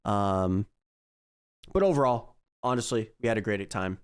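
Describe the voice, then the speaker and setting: A young man hosting a casual chat, sick and raspy, relaxed and full of fillers, trailing off quietly. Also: on the low side, a little slow. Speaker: podcast host.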